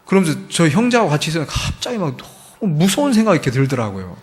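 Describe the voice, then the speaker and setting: A man's voice: on the high side, sing-song, very fast. A man, a missionary, giving an emotional testimony at a church service, telling his story with lots of fillers and acting out the dialogue. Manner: frequent filler words, emotional emphasis. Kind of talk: testimony sermon.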